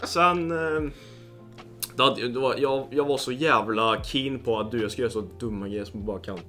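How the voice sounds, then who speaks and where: Young male podcast co-host, bright voice, excitable and sweary, faint music underneath. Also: medium pitch. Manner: excitable storyteller, swears a lot, lots of fillers. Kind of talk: casual podcast chat, storytelling.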